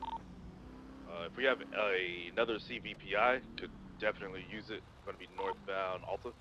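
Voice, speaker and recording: A man's voice: low-pitched, normal speed. A man making terse police call-outs over a walkie-talkie radio, clipped and full of radio jargon. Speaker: police officer in a roleplay. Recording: dull, muffled radio with loud noise.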